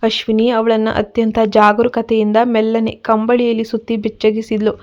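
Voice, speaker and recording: A woman narrating a dramatic story in a steady, earnest reading. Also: a little high, normal speed, highs cut off.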